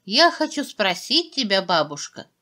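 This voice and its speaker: A woman's voice: mid-range voice, very animated, measured pace, pushed and bright. A woman voicing a polite, meek young maiden in a fairy tale. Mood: meek, curious.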